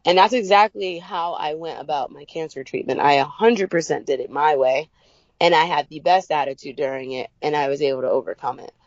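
A young adult woman as an interview guest, telling a personal story with upbeat energy and lively quoted voices. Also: a little fast, no echo, highs cut off. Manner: upbeat storyteller, acts out quotes with big pitch jumps.

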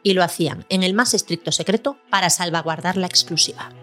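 A woman's voice: on the low side, a bit bright. Woman narrating a documentary podcast. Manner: measured, storytelling delivery. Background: faint music.

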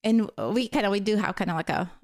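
Fast and mid-range, a Latvian-accented woman speaks English, a language she learned later, as a chatty guest telling casual stories. She rambles, piling on fillers and apologetic laughs. The recording is dry and clean, studio sound.

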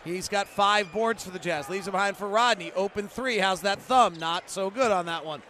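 A man doing live basketball play-by-play, in clipped running descriptions that burst into excited calls. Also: high-pitched, moderate pace. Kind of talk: live game commentary. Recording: noisy arena sound. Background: gym noise, bouncing basketball.

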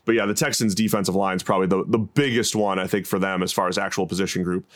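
A man's voice: low voice, steady tone, fast. American man hosting a sports podcast. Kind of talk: conversational football analysis.

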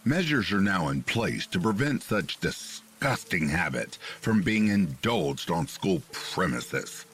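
A man's voice: deep voice, very animated, slow pace, fairly bright tone, breathy edge, heavily acted. A man voicing a stern, scolding female school headmistress in a horror story reading.

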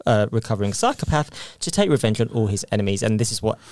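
A man's voice: lowish voice, big pitch swings, quick pace, darkish tone, dry recording. A man chatting casually on a podcast about soap operas, talking through stories with lots of fillers and restarts.

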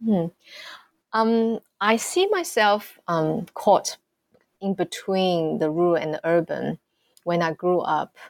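A woman from Shanghai, answering interview questions as an academic guest, hesitant with many ums and pauses. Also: fairly low pitch, lively intonation, vocal fry, no room sound. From Shanghai, China.

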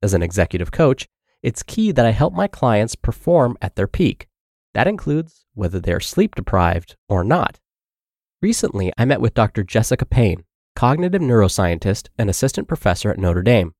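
A man's voice: on the low side, big pitch swings, normal speed, darkish tone, no echo, studio quality. A man hosting a health podcast with a congested voice, upbeat as he reads a blog article aloud. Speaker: podcast host and narrator.

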